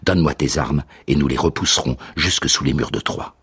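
Man reading as pleading young warrior, radio drama, very deep voice, husky. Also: fairly quick, fairly bright tone, heavily acted. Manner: urgent, pleading delivery. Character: anguished young male warrior Patroclus, pleading.

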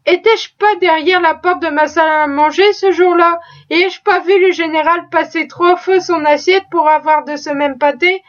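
Woman reader as a talkative, pious cook with a high voice, folksy and full of exclamations, on a dull lo-fi recording. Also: steady tone, normal speed. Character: proud, chatty, pious female cook.

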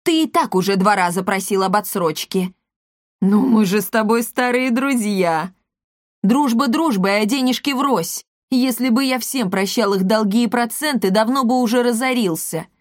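Loud blustering cattle trader, greedy man, as a woman acts him, high and slow, storybook. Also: no echo, studio quality, close to an everyday voice. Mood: furious. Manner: shouting, blustering.

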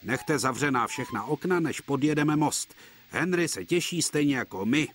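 A man's voice: a little high, expressive, pitched above the performer's own voice, natural voice. A man voicing a jolly, scheming male train driver in a cartoon dub, hearty and conspiratorial, with music behind.

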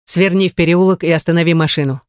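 A woman's voice: fairly low pitch, steady tone, fast talker, clean tone, no echo, clean studio sound, natural voice. A woman voicing a cold, contemptuous rich husband in an audiobook, speaking in curt, scornful lines.

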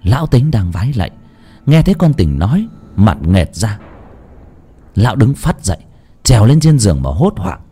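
A man's voice: normal speed, pauses often, slightly rough. A man narrating a horror story in a dramatic storytelling style. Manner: expressive, sweeping pitch.

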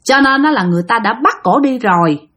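A woman's voice: a little high, lively intonation, brisk, fairly bright tone. A woman voicing an older female spirit medium who gives firm, knowing orders. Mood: commanding. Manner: commanding, matter-of-fact.

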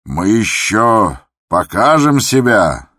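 Man doing a hearty, booming old postmaster. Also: very animated, slightly rough, no echo, clean studio sound, full character voice. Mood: jovial. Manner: hearty, loud, drawn-out joking. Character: jovial boisterous old male postmaster.

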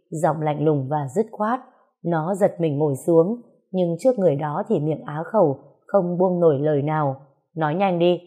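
A woman narrating a story in a calm, measured way. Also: lowish voice, narrow, tinny audio.

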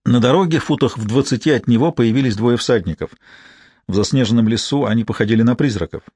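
A man narrating an audiobook in a measured, even storytelling manner. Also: mid-range voice, husky. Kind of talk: scripted narration.

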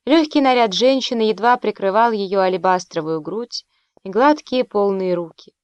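A woman narrating a historical novel in an even, literary reading. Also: medium pitch, normal speed, clean tone, dry recording. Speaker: audiobook narrator. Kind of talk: scripted narration.

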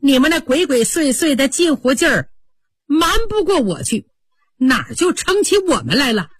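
A woman voicing a sharp-tongued, jealous young maid who talks in a sneering, scornful way. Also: high voice, very animated, a little slow, no room sound, clean studio sound, voice pushed up.

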